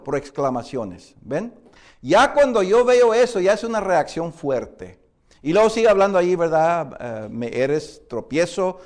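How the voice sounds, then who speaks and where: A man teaches a Bible course in a classroom lecture. His voice sits a little high, and he keeps turning questions to the class. He often pauses and restarts his sentences. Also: a little mellow. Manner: explains with many questions to the class and "hermanos"; hesitant, frequent "eh" fillers and restarts.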